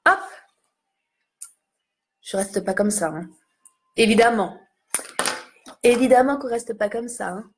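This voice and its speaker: A woman's voice: on the high side, takes it slowly, long pauses, a little hiss or hum. A young woman chatting casually while doing a makeup tutorial, self-mocking and talking to her viewers as she applies lipstick. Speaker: beauty vlogger.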